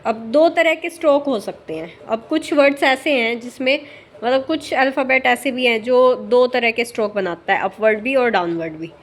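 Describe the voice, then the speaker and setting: With a fairly high pitch, a woman runs a casual shorthand lesson, explaining slowly and using lots of fillers. She checks in with her listeners often, and her voice softens as she writes.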